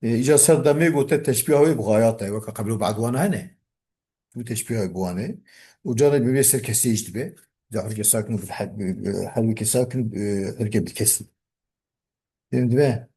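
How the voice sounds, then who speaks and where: A man's voice: mid-range voice, fast talker, mellow, husky. A man with a Kurdish accent teaching a classical grammar text, reading it aloud and then explaining it.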